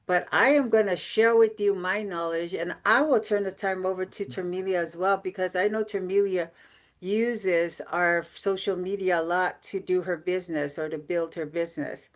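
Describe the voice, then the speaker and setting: A woman with a slightly low voice leads a motivational team training. She talks in an upbeat, chatty way, full of fillers and repeated phrases. She is from American Samoa and is heard over a video call. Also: steady tone, normal speed. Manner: upbeat, repetitive, conversational with fillers. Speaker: team leader giving a training.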